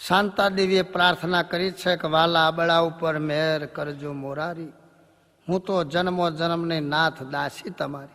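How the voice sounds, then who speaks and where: A man telling devotional folk stories in a preachy, jokey and animated way. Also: a little high, normal speed, long reverb tail. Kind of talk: devotional storytelling sermon.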